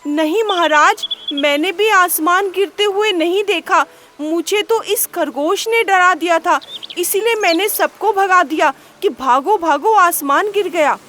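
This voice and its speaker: A woman's voice: very high voice, measured pace, fairly bright tone, a little hiss or hum, voice pushed up. A woman voicing a gullible, easily frightened bear in a children's storybook, bewildered and pleading.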